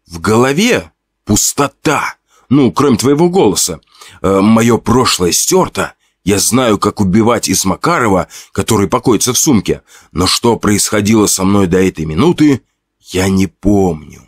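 A man's voice: fairly low pitch, lively intonation, normal speed, breathy edge, dry recording. A man narrating a first-person horror story in a conversational way, with fillers and asides to the listener.

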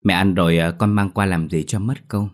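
A man's voice: low-pitched, fairly even intonation, fairly quick, a little mellow, natural voice. A man voicing a stern grandmother who soothes and scolds her grandchild in a ghost story. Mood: calm. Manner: scolding, firm.

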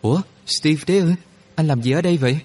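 A man voicing a young male soldier, excitable and panicky, who speaks in loud, fast, alarmed outbursts. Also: medium pitch, husky. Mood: anxious.

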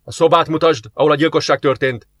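Man doing a brisk deputy commander giving orders, short commanding lines, dry close sound. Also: fairly high pitch, steady tone, fairly bright tone, dry recording. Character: eager male deputy commander investigating a murder.

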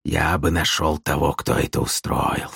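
A hungover middle-aged minstrel groans and whines every complaint, as a man acts him out. The voice sits deep and low, recorded dry and close for a storybook reading. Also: expressive, takes it slowly, breathy edge, no echo, exaggerated voice. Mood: groaning.

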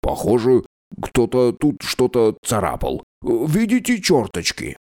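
An eager young apprentice, bold and keen, whose voice swings up and down with lively pitch. He talks slowly but with real enthusiasm, as a man reading the story does him. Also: no echo, clean studio sound.

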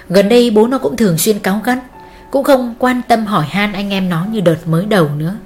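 A woman narrating a dramatic family story in steady, scripted storytelling. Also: mid-range voice.

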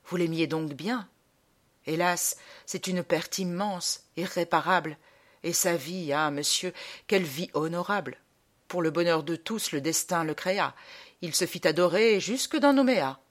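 A woman reading aloud voices an old gentleman mourner who speaks solemnly and sentimentally about the dead. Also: medium pitch, big pitch swings, brisk, few pauses, natural voice. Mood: mournful. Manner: hushed, mournful eulogizing.

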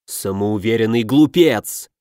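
A man voicing a furious dog-headed senior legate who speaks in slow, low, growling threats. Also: darkish tone, clear, resonant tone, no room sound, studio quality. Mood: menacing.

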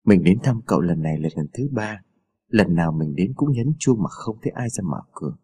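A man voicing a daring but gentle young boy, speaking quietly and earnestly in a husky voice. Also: low-pitched, animated, fairly quick, pitched below the performer's own voice.

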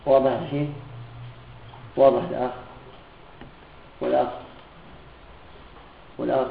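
A man teaching a classroom grammar lesson who often checks that his students follow and repeats example phrases slowly. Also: medium pitch, level tone, creaky. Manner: keeps checking students' understanding with questions. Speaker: Islamic teacher. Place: room with students present. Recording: echoey, tinny lo-fi recording.

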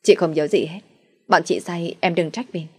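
A woman's voice: lowish voice, fairly even intonation, normal speed, slightly rough, no room sound, studio quality. A woman voicing a scheming young woman who wails out false excuses. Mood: wailing. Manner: wailing excuses.

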